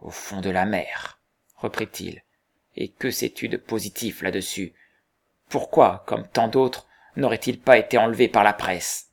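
Man playing a gruff older man, gravelly voice, blunt and probing, storybook reading. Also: fairly low pitch, unhurried.

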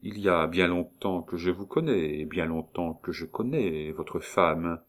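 A man reading as a grave doctor at a sickbed, deep-voiced and unhurried. He probes gently with low, soothing questions, read aloud from a storybook. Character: calm, grave male doctor, gently probing.

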